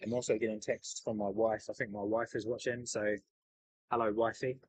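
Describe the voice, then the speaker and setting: A man's voice: lowish voice, little pitch movement, a little fast, a little mellow, breathy edge, no room sound, poor audio. Man with a broad Kiwi accent. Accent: broad New Zealand. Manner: upbeat, matey, enthusiastic. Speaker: livestream host. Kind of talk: casual livestream chat. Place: outdoors beside an airport.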